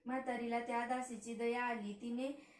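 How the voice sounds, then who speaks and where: A woman from a family vlog reading a religious story aloud in a steady, devout way. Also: on the high side, moderate pace. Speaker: family vlogger reading a devotional tale. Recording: echoey room, voice from far off.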